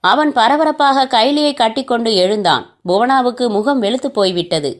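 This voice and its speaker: A woman's voice: on the high side, expressive, moderate pace. A woman reading a novel aloud, telling the story steadily and voicing the dialogue herself. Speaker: narrator.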